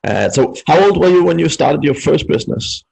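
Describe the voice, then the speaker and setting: A man's voice: on the high side, lively intonation, fairly quick, creaky, a little mellow, slight background noise, poor audio. A man hosting a business podcast, asking loose, rambling questions with a joking streak. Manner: jokey, asks rambling questions. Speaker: podcast host. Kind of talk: casual interview.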